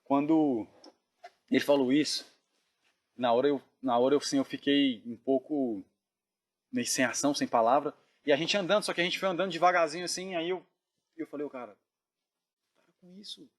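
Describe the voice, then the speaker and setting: A man earnestly retelling a dream in casual storytelling, often dropping his voice to a hush. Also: a little high, a little fast. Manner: earnest, drops to hushed tones when reliving tense moments. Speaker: dream narrator.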